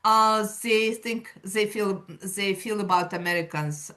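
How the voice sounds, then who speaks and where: A woman's voice: medium pitch, unhurried, pushed and bright. A woman hosting an interview, asking questions in careful, hesitant phrasing. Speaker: interviewer and host.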